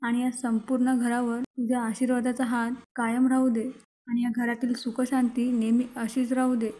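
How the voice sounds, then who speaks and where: A woman reading the lines of a gentle, devoted young wife in a soft, earnest way. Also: on the high side, level tone, normal speed, close to an everyday voice. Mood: tender.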